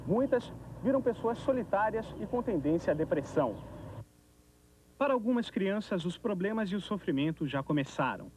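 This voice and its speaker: A man's voice: high-pitched, lively intonation, moderate pace, darkish tone. A man with a Brazilian accent narrating a scripted TV news report, recorded on an old VHS tape. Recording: noisy 1990s VHS tape of TV broadcast.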